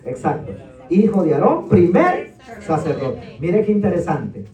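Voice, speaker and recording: A man's voice: a little high, sing-song, measured pace, mellow. A man teaching a Bible class as pastor, calling on listeners to repeat words and tagging lines with questions, heard from a distance in an echoey room. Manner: keeps asking listeners to repeat words after him; tags lines with rhetorical "¿verdad?" and "amén". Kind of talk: Bible teaching with call-and-response. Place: church meeting room. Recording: echoey room, voice far from the mic.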